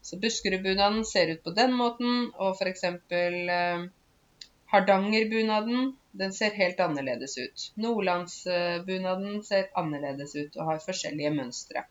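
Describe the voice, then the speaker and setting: A woman giving a casual spoken language lesson, stopping to explain words slowly with many fillers. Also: mid-range voice, highs cut off. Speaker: Norwegian language teacher.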